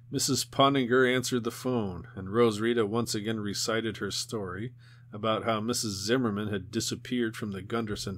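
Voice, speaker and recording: Low-voiced man narrating an audiobook. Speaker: audiobook reader.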